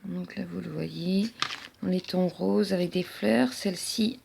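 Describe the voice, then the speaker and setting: A woman's voice: on the low side, unhurried, vocal fry, mellow, slightly rough. A woman chatting casually as she shows off her craft-supply haul, hesitating often with fillers. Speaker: crafting vlogger. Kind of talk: casual haul show-and-tell. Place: at home.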